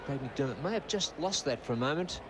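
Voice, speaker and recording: A man's voice: mid-range voice, lively intonation, brisk. A man giving live cricket commentary in an outdoor broadcast. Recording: noisy outdoor broadcast with crowd. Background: stadium crowd.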